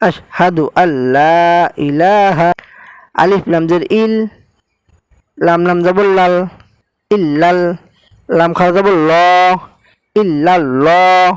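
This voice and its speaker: Male recitation teacher with a Bangladeshi Bengali accent, spelling syllables one by one in a smooth voice, dry close sound. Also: high-pitched, dry recording, low-quality recording. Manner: spells out each syllable then blends it. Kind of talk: slow spelled-out recitation lesson.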